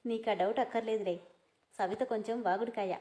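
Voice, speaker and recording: A woman voicing a gentle, calm young woman speaking softly to her brother. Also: a little high, a little fast, natural voice.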